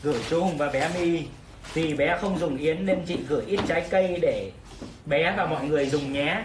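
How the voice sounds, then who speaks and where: A man's voice: on the high side, moderate pace. A young adult man hosting a casual unboxing, chatting and reading cards aloud. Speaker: vlog host. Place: small decorated indoor room. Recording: roomy echo, distant mic, clear background noise.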